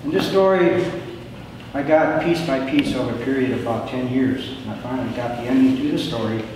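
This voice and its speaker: A man's voice: medium pitch, brisk. Older man telling stories in an echoey hall. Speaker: storyteller of family history at a local historical talk. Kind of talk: prepared spoken talk to an audience. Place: large echoing indoor hall. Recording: very echoey hall, distant mic, background noise.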